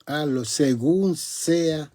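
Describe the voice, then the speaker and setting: A man's voice: a little high, very slow, darkish tone. A man, a pastor preaching a sermon, rising to emphatic peaks and stretching out key words.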